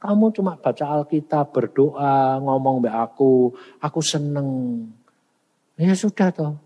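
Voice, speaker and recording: An older man preaching in a folksy, animated, conversational way and slipping in regional slang. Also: on the high side, a little slow, muffled recording. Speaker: evangelist preacher. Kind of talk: conversational sermon with questions. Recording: long hall reverb.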